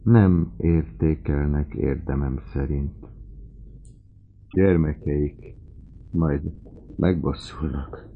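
A man voicing a dying old father in an audiobook, swinging between desperate shouts and faint whispers. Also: rumbling low, long pauses, narrow, tinny audio. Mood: desperate pleading. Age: older. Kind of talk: audiobook character reading.

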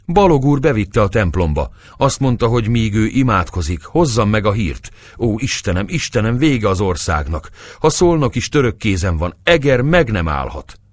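A man's voice: fairly low pitch, big pitch swings, hardly any pauses, no room sound, clean studio sound, voice pushed up. Man doing a frightened young student. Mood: anxious. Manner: anxious, lamenting. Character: frightened young male student bringing bad news.

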